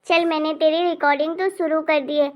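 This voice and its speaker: A woman voicing a confident, loyal rich young girl in an animated cartoon, talking in an insistent, bossy way. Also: sits high, fairly quick, natural voice. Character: bold, loyal rich young girl who defends her friend.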